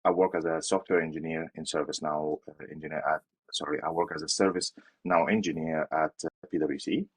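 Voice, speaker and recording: Very deep husky man from Syria. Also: steady tone, fairly quick, poor audio. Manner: hesitant, with fillers and restarts. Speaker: interview guest. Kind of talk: casual interview answers.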